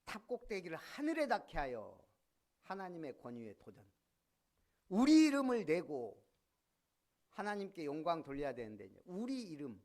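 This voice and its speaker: A male pastor with a fairly high voice preaches at a normal speed in a church sanctuary, pausing often. His delivery is animated, and he often puts questions to the congregation.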